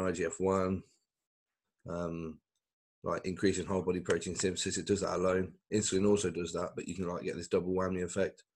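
A man's voice: sits low, slight background noise. A man co-hosting a casual podcast, laid-back but explaining technical detail at length. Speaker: podcast co-host. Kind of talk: casual chat.

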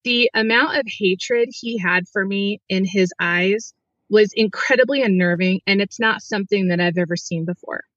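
A middle-aged woman speaks earnestly and haltingly, pausing and restarting as she recounts something painful. Her voice sits at an ordinary pitch, recorded dry and close with a slightly dull, muffled tone. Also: a bit bright, no echo. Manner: earnest, hesitant, many restarts and fillers. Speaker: guest. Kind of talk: personal story in an interview.

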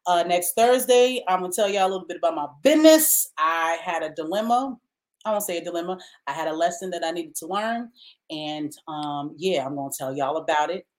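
A woman's voice: fairly low pitch, animated, a little fast. A woman co-hosting a podcast, giving casual, slangy plugs and sign-offs with an upbeat manner. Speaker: podcast co-host.

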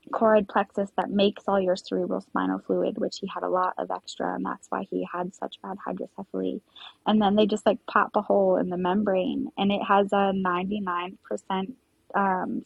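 Young woman, podcast guest, husky and a little gravelly, filler-heavy and emotional; muffled, dry sound. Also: mid-range voice, level tone, moderate pace, no room sound. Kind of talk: personal storytelling interview.

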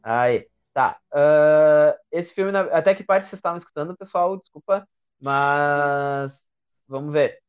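A man's voice: a little high, unhurried, smooth. Give me a young Brazilian man on a bad connection. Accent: Brazilian Portuguese. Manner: excited, rambling, repeats himself. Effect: bad internet call connection, dull lo-fi sound. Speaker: podcast co-host. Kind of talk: casual chat about animated films. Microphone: remote call microphone.

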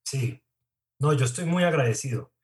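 A man's voice: medium pitch, lively intonation, normal speed. A man, an actor being interviewed, answering in an earnest, reflective way. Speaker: actor guest.

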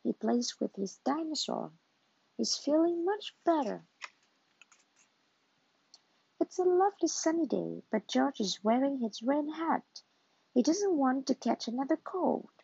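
A woman reading a children's storybook aloud in a slow, gentle manner, on a dull lo-fi recording. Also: high-pitched, expressive, vocal fry, no echo.

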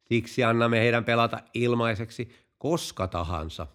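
A man voicing a calm male golf course owner in a told joke, answering in a matter-of-fact way. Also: medium pitch, lightly acted.

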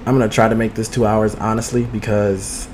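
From his home studio, a podcast host streams with two cameras, gossiping casually in a sassy, outspoken way, swearing freely and addressing his listeners directly. His voice is fairly low, level and a little mellow, his delivery brisk, with slight background noise.

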